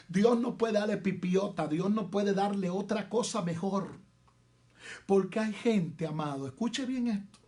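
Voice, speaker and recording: A man with a Dominican accent preaching a sermon as pastor, emphatic, repeating phrases and slowing down to stress words. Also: sits high, darkish tone. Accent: Dominican Spanish. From Dominican Republic.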